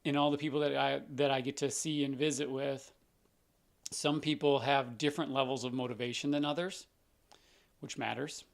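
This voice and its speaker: Hosting a live question-and-answer stream, a doctor explains topics in a relaxed, conversational way full of everyday examples. His male voice is scratchy and gravelly, medium in pitch, with a flat delivery at a moderate pace.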